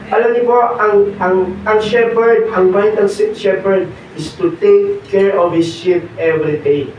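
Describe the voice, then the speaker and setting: A hoarse young man preaching a sermon, mixing in English and pausing on fillers. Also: high-pitched, steady tone, slight background noise. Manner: mixes Tagalog and English, pauses with fillers. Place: church hall. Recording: echoey hall, distant dull mic.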